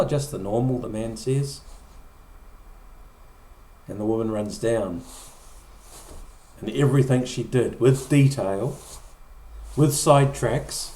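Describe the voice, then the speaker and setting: A man's voice: mid-range voice, dark tone. A middle-aged man preaching a conversational sermon, often repeating or restarting words and acting out short quoted lines. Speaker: pastor. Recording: echoey room.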